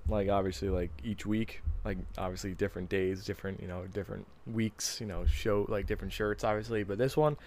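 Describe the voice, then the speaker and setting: A man's voice: on the low side, fairly even intonation, fairly quick, hardly any pauses, a little mellow, a little hiss or hum. Upbeat male podcast co-host, chatty and effusive, lots of fillers. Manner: enthusiastic, filler-heavy with lots of "like". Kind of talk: casual podcast chat. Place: studio.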